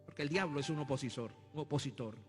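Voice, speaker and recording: A man preaching as pastor, moving between quiet storytelling and loud, shouted exhortation. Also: medium pitch, quick pace. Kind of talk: sermon. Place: church sanctuary. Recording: long hall reverb with soft music.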